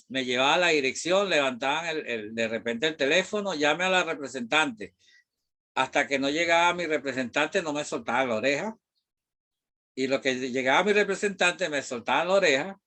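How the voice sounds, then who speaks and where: A man's voice: mid-range voice, sharp tone. Rambling Venezuelan man teaching math. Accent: Venezuelan Spanish. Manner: rambling, digressive, with frequent fillers and mild swearing. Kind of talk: casual classroom talk.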